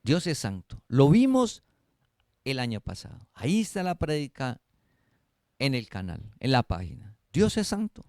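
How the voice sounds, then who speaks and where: A man's voice: mid-range voice, wildly swooping pitch, unhurried, dry recording, clean studio sound. A man preaching a sermon, asking the congregation questions and answering them himself. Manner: preaching with rhetorical questions, swings between loud and soft. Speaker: pastor. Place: church service streamed online.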